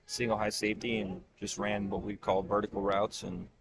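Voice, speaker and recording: A man in the color commentator's seat, breaking down football plays in a relaxed, conversational way. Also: on the low side, fairly quick, vocal fry, background noise. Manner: relaxed, conversational, with fillers and restarts. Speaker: color commentator and high school coach. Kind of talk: casual analytical sports commentary.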